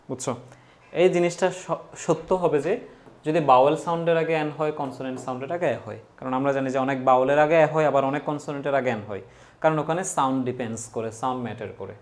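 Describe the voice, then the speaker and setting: Male English tutor, mid-pitched, asks and answers his own questions, spells out examples slowly. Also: darkish tone. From Bangladesh. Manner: asks students questions and answers them himself; slows down to read out example words one by one. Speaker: English teacher. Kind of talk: grammar lesson for exam students.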